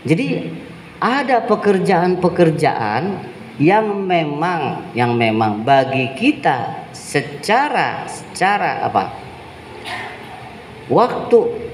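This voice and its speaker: A man giving a mosque sermon, chatty and humorous, acting out little dialogues. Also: a little high. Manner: humorous, conversational, acts out dialogues. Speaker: preacher. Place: mosque hall. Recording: echoey hall, faint noise.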